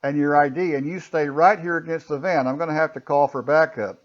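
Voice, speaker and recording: A man's voice: a little high, fairly even intonation, brisk, lo-fi sound, natural voice. A man voicing a wary, by-the-book male police officer who speaks in a firm, commanding way.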